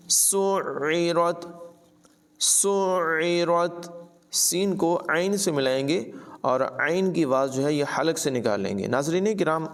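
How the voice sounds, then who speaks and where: A man giving a tajweed lesson, chanting verses slowly and melodically, then explaining pronunciation rules in quick instructive speech. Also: mid-range voice. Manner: alternates drawn-out melodic recitation with brisk instructive commentary. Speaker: Quran recitation teacher.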